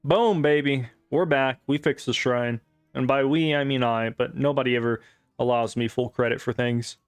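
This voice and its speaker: A man's voice: medium pitch, steady tone, moderate pace, smooth, dry recording, faint music behind. A man giving casual, rambling gameplay commentary, sarcastic and full of swearing. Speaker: gamer.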